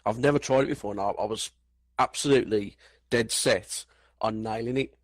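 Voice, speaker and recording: Wry podcast co-host. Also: male voice, on the low side, a little fast, dry recording. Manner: wry, self-deprecating banter. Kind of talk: casual podcast chat.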